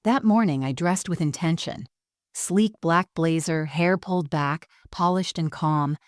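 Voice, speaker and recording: Woman narrator for a first-person story; calm and measured, lowish voice, dry close sound. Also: dry recording.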